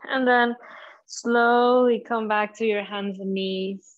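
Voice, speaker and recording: Woman teaching yoga, really slow calm cues, kinda dull lo-fi sound. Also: fairly high pitch. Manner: soft, slow guided breathing cues; gentle, encouraging movement instructions. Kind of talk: guided yoga class.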